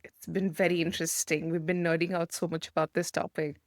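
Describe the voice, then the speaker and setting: A woman's voice: on the low side, little pitch movement, a little fast, no echo, studio quality. A woman born and raised in India, co-hosting a podcast and telling stories in a chatty, enthusiastic way. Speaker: podcast co-host. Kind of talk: casual chat.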